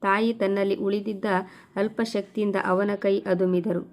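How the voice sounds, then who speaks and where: Brief: woman storyteller, mid-pitched, even monotone narration. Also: moderate pace. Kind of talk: scripted narration.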